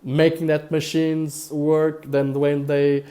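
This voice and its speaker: A Portuguese man, a crypto investor vlogger, talks casually on a live broadcast with a Portuguese accent. His speech is halting, full of fillers and repeated words, delivered in a fairly high, monotone voice with a warm tone.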